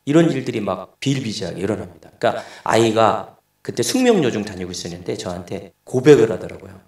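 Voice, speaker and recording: A man's voice: fairly low pitch, very animated, fast, darkish tone. A middle-aged male pastor preaching a sermon, telling a family story and acting out the dialogue. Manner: storytelling, acts out dialogue in quoted voices. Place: church sanctuary. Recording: echoey church hall, distant mic.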